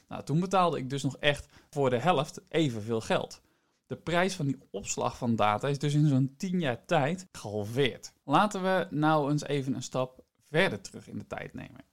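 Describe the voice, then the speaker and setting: A man hosts a podcast, explaining things in a semi-scripted way and addressing the listener directly. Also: mid-range voice. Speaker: podcast host.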